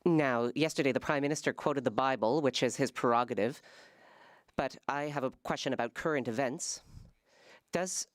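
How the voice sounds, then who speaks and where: An interpreter giving a live, measured rendering of a parliamentary debate in halting phrases. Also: medium pitch, no room sound, clean studio sound.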